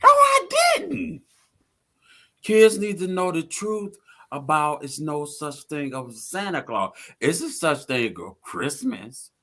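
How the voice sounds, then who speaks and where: A man in casual chat argues his point with playful emphasis and frequent laughs. His tone is bright and forward, and he talks slowly with a widely swinging pitch. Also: animated.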